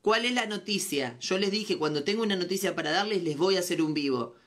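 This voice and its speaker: A woman's voice: on the low side, fairly quick. An Argentine woman hosting a comedy live stream, chatting playfully and teasing as she answers viewer comments. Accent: Argentine Spanish. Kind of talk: casual live-stream chat.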